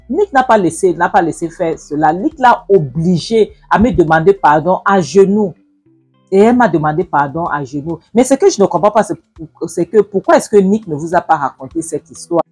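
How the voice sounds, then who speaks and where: Husky, animated woman retelling a film. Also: mid-range voice. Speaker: film recap narrator. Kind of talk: casual storytelling recap.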